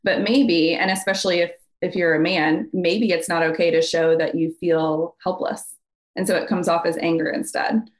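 Low-voiced woman counselor explaining calmly. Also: moderate pace. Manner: calm, explanatory, gives worked examples. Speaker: mental health counselor guest. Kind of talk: podcast conversation.

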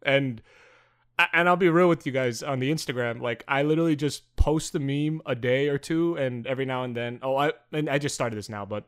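A man's voice: medium pitch, fairly quick, clear, resonant tone. A young man co-hosting a podcast, rambling and teasing with lots of fillers in crude casual banter. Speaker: podcast co-host.

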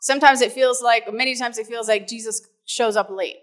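Brief: female church interpreter, bright voice, a little high, works phrase by phrase. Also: fairly even intonation, normal speed. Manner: interprets phrase by phrase, with small restarts. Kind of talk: live sermon interpreting.

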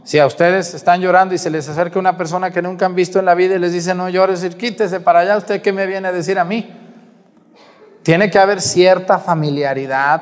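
A man preaching a sermon, retelling a Gospel story in a lively way and putting questions to his listeners. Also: sits high. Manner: storytelling, animated, asks the audience questions. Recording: long hall reverb.

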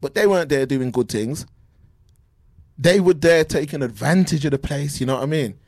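Guy chatting on a podcast call, kinda high voice, dry sound, lots of restarts. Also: normal speed, darkish tone, no echo. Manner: opinionated, chatty, frequent restarts. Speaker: podcast co-host. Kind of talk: casual opinion chat. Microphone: remote call audio.

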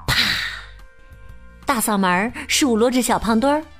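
A woman narrating a children's storybook in an expressive, animated way. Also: a little high, normal speed, faint music behind.

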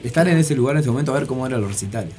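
A man chats as a radio guest, rambling through his answers with plenty of fillers. His voice is dark and mellow. Faint music plays underneath. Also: mid-range voice, lively intonation, very fast. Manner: rambling, hesitant, many fillers. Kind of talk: casual radio interview.

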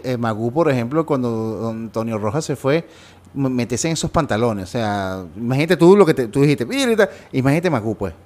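A man with a Venezuelan accent hosting a casual chat, firing off quick slangy reactions and questions. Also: medium pitch.

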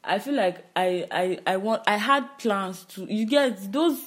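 A young woman, co-hosting a podcast and retelling a painful loss in a halting, emotional way with many restarts. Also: medium pitch, crowd noise. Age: young adult. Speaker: podcast co-host. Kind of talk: casual conversation.

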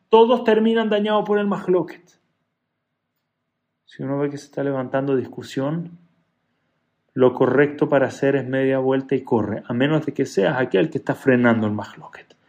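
A man teaching a religious class who tells stories in an animated way, moving between loud emphasis and soft asides. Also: on the high side, dull audio. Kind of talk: Torah class.

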